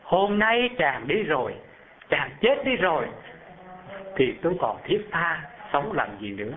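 A man voicing a devoted fourth wife who speaks softly, slowly and tenderly, heard over a phone-like narrow band. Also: fairly high pitch, very animated. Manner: soft, slow, tender.

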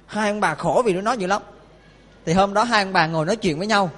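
A monk preaches in a high voice, telling a story and quizzing his listeners. A hall gives his words a long reverb. His delivery is lively and engaging. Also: fast. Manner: lively, questioning the audience. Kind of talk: sermon with storytelling.

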